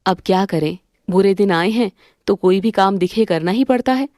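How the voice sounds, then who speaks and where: A woman's voice: medium pitch, normal speed, a little mellow, no room sound, clean studio sound, voice pushed down, close to an everyday voice. A woman voicing an older, weary but loving mother-in-law in a cartoon story. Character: older mother-in-law, warm and weary, kind to her daughter-in-law.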